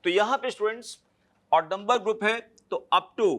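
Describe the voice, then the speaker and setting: A man's voice: sits high, moderate pace, a bit bright. A man teaching a chemistry lecture, explaining step by step and checking understanding with short tag questions. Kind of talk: classroom lecture.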